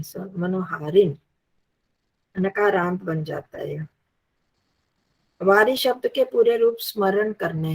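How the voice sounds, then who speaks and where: A woman teaching a Sanskrit lesson, patiently reciting and drilling word forms aloud. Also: fairly high pitch.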